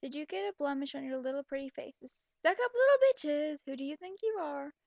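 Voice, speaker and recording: Reading fan fiction aloud a little fast, a young woman with a high, expressive, slightly mellow voice full of fry picks it apart as she goes, sarcastic, blunt, exasperated and mocking. The sound is close and dull, with no echo.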